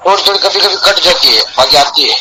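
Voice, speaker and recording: A man answering his teacher respectfully on an online class call, his voice loud, clipping and distorted. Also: high-pitched, lively intonation, fast talker, heavy background noise. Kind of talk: brief replies on a video call.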